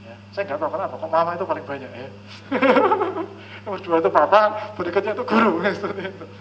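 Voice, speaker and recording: Lively male seminar speaker, slightly high voice. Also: very fast, noisy background. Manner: keeps checking in with "ya" and "oke?", acts out parent and child dialogues. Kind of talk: live seminar talk to an audience. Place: seminar hall with a live audience.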